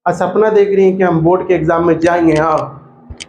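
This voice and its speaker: A male coaching teacher, talking to a class in a joking, lively way and mimicking students. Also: high voice, brisk. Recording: echoey classroom with faint noise.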